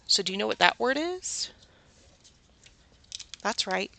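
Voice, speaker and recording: A woman's voice: medium pitch, sing-song, takes it slowly, vocal fry, bright, forceful tone, slight background noise. A woman with a Southern US accent teaching a children's reading lesson, patiently asking questions and answering them herself.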